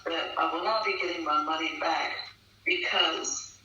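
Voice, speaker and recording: A woman's voice: deep voice, a little slow, sharp tone, faint music behind. A woman giving earnest personal testimony in conversation, speaking emphatically and repeating phrases for stress. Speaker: guest recounting a personal experience. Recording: echoey, distant, dull online call with faint noise.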